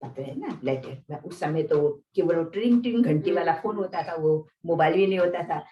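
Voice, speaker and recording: A woman's voice: on the low side, a little fast, dark tone, muffled recording. An older woman from Nepal, a senior spiritual teacher, telling her life story to a gathering. She acts out the people she quotes and often adds little tag questions. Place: indoor meditation centre hall. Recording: roomy hall, voice picked up from a distance.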